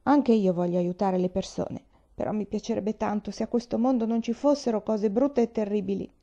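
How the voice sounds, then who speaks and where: A woman's voice: mid-range voice, a little fast, warm tone, lo-fi sound, lightly acted. A woman reading aloud, voicing a sensitive, dreamy young boy who fears pain, in a plaintive, pleading way.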